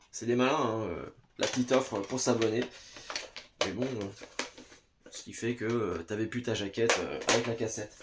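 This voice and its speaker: A man vlogs slowly and casually from his home basement, reviewing VHS tapes to a camera in front of him. His voice sits in the mid range against a noisy background. He stumbles along with many "euh" fillers and calls the viewer "tu".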